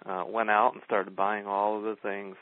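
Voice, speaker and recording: Low flat-voiced man on a dry phone line. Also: moderate pace. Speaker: co-host. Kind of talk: conversational talk.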